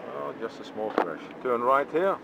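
A man with a Dutch accent and a mid-range, gravelly, animated voice muses slowly to himself in short remarks while driving through city traffic. This casual vlogger films from a dashboard camera, and the car interior is noisy with engine sound.

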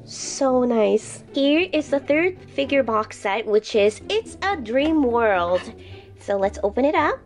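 Slow and sing-song, her fairly high voice plays over faint background music. In a casual vlog she unboxes toy figures and gushes, repeating words for emphasis, all while breathing heavily from a flu she hasn't quite shaken.

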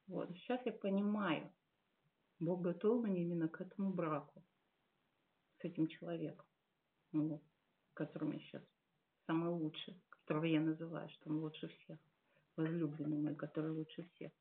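A woman in her late forties giving a heartfelt church testimony, earnest and musing, with many pauses and fillers. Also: deep voice, little pitch movement. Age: 40s. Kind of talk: personal testimony at a service. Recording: tinny phone-like sound.

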